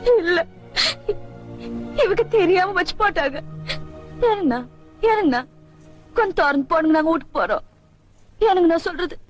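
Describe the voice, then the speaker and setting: A woman's voice: very high voice, expressive, moderate pace, long pauses, faint music behind. An actress playing a loyal, outspoken village wife, pleading for her jailed husband. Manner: pleading, then sharp-tongued.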